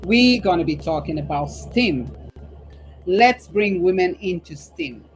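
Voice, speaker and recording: In a low-quality recording with faint music in the background, a podcast host from Portugal conducts a casual interview. Her voice is on the low side, animated, and unhurried. She's enthusiastic and laughs a lot, and her English, not her first language, sometimes slips.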